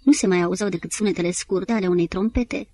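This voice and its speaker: A woman narrating an audiobook in a measured storytelling manner. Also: fairly low pitch, dark tone, slight background noise. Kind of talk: scripted literary narration.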